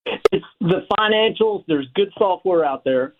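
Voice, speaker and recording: Over a tinny, narrow phone line, an older American caller to a radio show chats casually, folksy and self-deprecating. He speaks at normal speed with a high-sitting voice and lively intonation.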